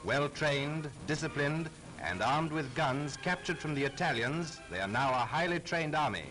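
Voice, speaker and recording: A fairly high-pitched man narrates a 1940s wartime newsreel in a brisk, formal, patriotic manner. The expressive voice comes through a low-quality old newsreel soundtrack, with loud music playing over it.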